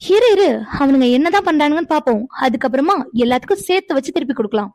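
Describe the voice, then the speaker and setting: A woman voicing a calm young woman in a cartoon who soothes her angry friend, coaxing in tone. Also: sits high, fast, dry recording, clean studio sound. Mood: soothing. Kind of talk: cartoon voice acting.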